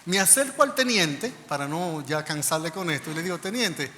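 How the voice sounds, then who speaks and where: A male pastor from the Dominican Republic tells a story from the pulpit in an animated sermon voice. His tone is bright and a little high. The room carries a long reverb with faint background noise. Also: brisk. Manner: animated storytelling, acting out dialogue.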